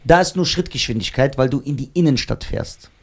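A man hosting a podcast, telling personal stories in a casual, animated, slangy way. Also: mid-range voice, brisk. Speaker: podcast host.

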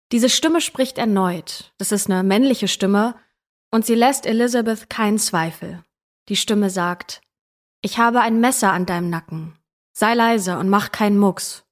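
A woman co-hosting a true crime podcast, telling the story dramatically and giving careful content warnings. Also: mid-range voice. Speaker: podcast co-host.

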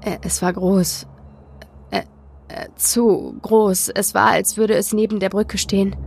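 A woman's voice: medium pitch, fairly quick, a little hiss or hum, lightly acted. A woman reading aloud and voicing a frightened young man who talks brusquely and shakily. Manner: brusque, shaky. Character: scared, rough young man, brusque then stammering.

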